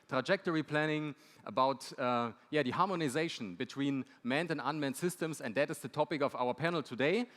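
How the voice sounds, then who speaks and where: A university lecturer moderates a conference panel, introducing the topic and the speakers from the stage. His voice is medium-pitched and a bit bright, and the recording carries the echo of a hall.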